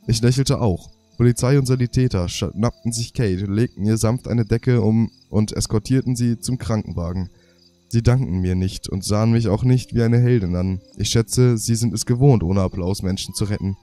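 This young man's voice is lowish and dark, his pace moderate. Nose half blocked by a cold, he reads game diary pages aloud for his let's play, stumbling and then correcting himself.

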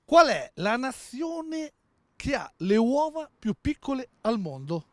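A man's voice: very high voice, big pitch swings, slow pace, no room sound. A man hosting street interviews at an outdoor town festival, joking and teasing the people he meets. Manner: joking, tells dirty jokes, teasing. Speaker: roving street-festival presenter. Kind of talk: jokey festival vox-pop chat.

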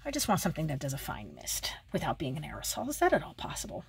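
A beauty vlogger sits at home doing her makeup, chatting casually in a get-ready-with-me video full of wry remarks and muttered asides to herself. Her voice is low, gravelly, and fast, with wildly swooping pitch, and there's background noise.

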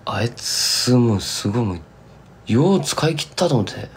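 A man's voice: medium pitch, expressive, moderate pace, slight background noise. A young man from Kumamoto chatting casually with fans on a live stream, rambling and slipping into thick Kumamoto dialect. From Kumamoto, Japan. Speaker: singer-songwriter streaming live.

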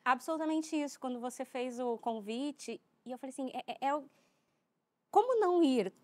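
A woman's voice: high-pitched, lively intonation, moderate pace, a little mellow, no room sound. A Brazilian woman in her forties, a talk show guest, speaking in a thoughtful, nostalgic way. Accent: Brazilian Portuguese. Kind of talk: reflective conversation.

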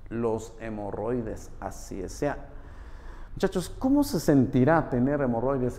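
A man teaching a history lesson, asking questions and answering them himself, often repeating a tag phrase, swinging from raised to low murmured pitch. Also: darkish tone. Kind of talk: classroom history lecture. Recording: long hall reverb.

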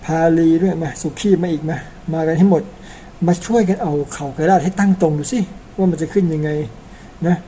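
Guy from thailand retelling an epic, chill and chatty, lots of polite little tags, low mellow voice. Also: fairly even intonation, brisk, a little hiss or hum. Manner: chatty, tags sentences with polite particles, personal asides. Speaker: storyteller. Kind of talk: casual storytelling narration.

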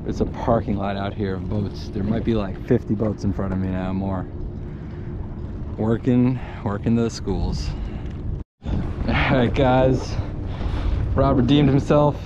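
A relaxed man in his thirties talks slowly and easily as he fishes from a kayak on open water. His voice comes through a head-mounted action camera with plenty of wind and water noise. He chuckles often as he talks. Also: on the low side, muffled recording. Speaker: fishing vlogger. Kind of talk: casual on-camera commentary. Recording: windy outdoor action-cam audio.

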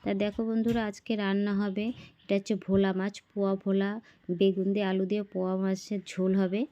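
A middle-aged woman with a hoarse voice from a cold, narrating a daily vlog as a chatty voice-over to her viewers. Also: medium pitch, little pitch movement, fast talker, warm tone, dull audio. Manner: chatty, addresses viewers as friends. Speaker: vlogger.

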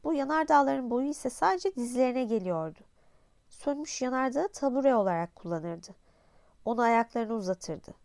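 A woman narrating an audiobook in a calm, even storytelling manner. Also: a little high, normal speed, no echo.

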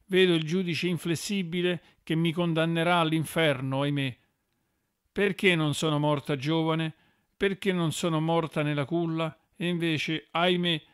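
A man's voice: on the high side, a bit bright, clean tone, dry recording, studio quality, natural voice. A man voicing a despairing old sinful woman who laments and pleads, read as an audiobook. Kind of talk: audiobook reading.

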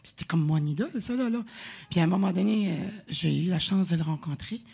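Acadian woman singer, raspy gravelly voice, talking to a concert crowd in a loose, rambling way. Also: fairly low pitch, animated, brisk. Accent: Acadian French. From Acadia, eastern Canada. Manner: chatty, warm-hearted, rambling with fillers and self-corrections. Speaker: singer presenting her album. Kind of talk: casual stage banter with a live audience. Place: concert venue stage.

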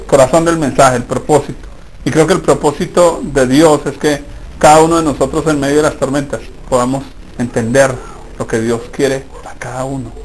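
A male pastor preaching a sermon in church, emphatic and addressing the congregation directly, moving between loud and hushed. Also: mid-range voice, steady tone, moderate pace, a little hiss or hum, rough recording.

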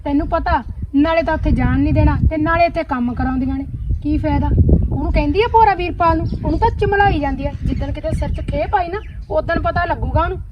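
A woman's voice: high voice, natural voice. A woman with a Punjabi accent in a village drama, talking bluntly and scolding a cousin. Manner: blunt, scolding, rapid-fire advice. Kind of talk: Punjabi short film drama acting. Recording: distant, dull, noisy outdoor sound.

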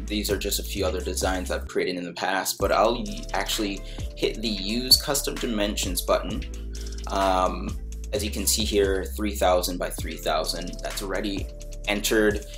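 A music producer from Barbados casually walking through a screen-recorded design tutorial, with many ums and restarts. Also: male voice, sits low, normal speed. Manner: relaxed, full of ums and restarts.

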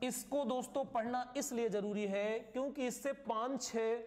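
High-voiced male teacher. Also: normal speed, darkish tone, long reverb tail. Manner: repeats key words and asks "clear?" often. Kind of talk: live online class lecture.

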